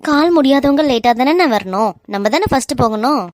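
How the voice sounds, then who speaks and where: A woman voicing a cheeky young brother-in-law in an animated romance, whiny and teasing in a Kanyakumari Tamil accent. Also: high voice, brisk, no room sound, studio quality.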